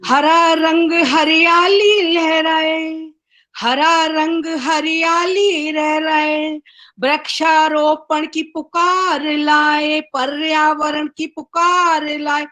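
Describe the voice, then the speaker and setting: A high-pitched woman reciting poetry at a very slow, drawn-out pace. She chants her verse in a sing-song way and repeats each line. She sounds like she is on a video call. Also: a bit bright. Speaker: guest poet.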